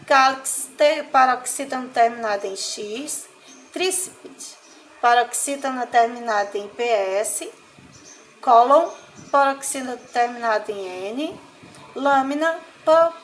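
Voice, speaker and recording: A Brazilian woman teaching a primary school class, dictating words one by one and explaining slowly and deliberately. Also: on the high side, a little hiss or hum, low-quality recording. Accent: Brazilian Portuguese. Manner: slow, deliberate word-by-word dictation. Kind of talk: recorded class lesson.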